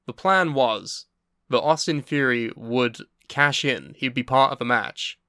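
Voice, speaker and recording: A young man co-hosting a casual podcast chat, swearing freely and bursting into excited yelling. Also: mid-range voice, unhurried, dry recording, studio quality. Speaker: podcast co-host.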